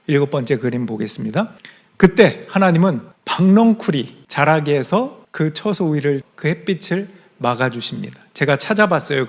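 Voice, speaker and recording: A male pastor preaches in a church, telling a story and voicing its characters with bursts of raised emphasis. His voice sits a little high for a man. The sanctuary adds a long, lingering reverb behind every phrase. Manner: storytelling, acting out quoted lines with raised voice. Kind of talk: sermon.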